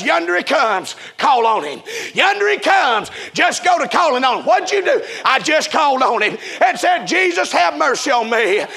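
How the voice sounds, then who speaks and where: A man preaching a revival sermon in a chanting, shouting cadence. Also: very high-pitched, creaky.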